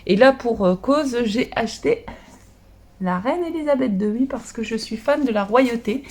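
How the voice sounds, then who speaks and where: A woman vlogger chatting casually about her latest books, hesitant with many pauses and fillers. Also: fairly high pitch, animated. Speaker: book vlogger. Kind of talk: casual chat showing books.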